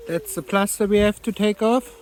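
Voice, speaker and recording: Noise fills the background as this high-pitched German man speaks calmly and steadily, often pausing with uh and um. German is his first language, and he's a channel co-host narrating a tour and chatting casually.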